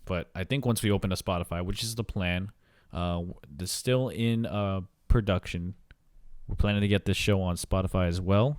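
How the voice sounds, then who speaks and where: A man's voice: deep voice, darkish tone, clear, resonant tone, no echo, clean studio sound. A man co-hosting a podcast, chatting casually and rambling, with repeated words and casual swearing. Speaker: podcast co-host. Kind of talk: casual chat.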